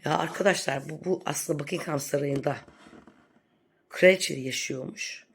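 A woman's voice: low voice, normal speed, creaky, slight background noise. A woman vlogger delivering a sarcastic, scolding rant in a commentary vlog.

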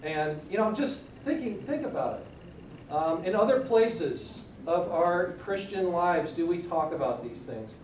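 A man's voice: high-pitched, expressive, unhurried, a little mellow, a little hiss or hum. A man leading a church class discussion, talking conversationally, asking the class questions and joking with them. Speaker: class leader. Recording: echoey room, mic far off.

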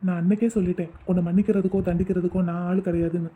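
A woman voicing a gentle, devoted young man who coaxes and comforts his wife in an amateur audio drama. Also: fairly low pitch, flat delivery, very fast, husky, phone-quality sound. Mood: firm. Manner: soothing, coaxing.

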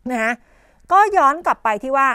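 A woman teacher explaining English idioms in a televised tutoring lesson, coughing now and then and dotting her talk with polite fillers and quick questions to the class. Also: high-pitched, pushed and bright, no echo. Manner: coughs and clears her throat often.

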